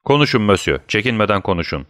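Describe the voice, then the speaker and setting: A man's voice: fairly low pitch, big pitch swings, fast, a bit bright, no room sound, studio quality. A man voicing an aging French king who is imperious and alarmed, questioning his ministers sharply.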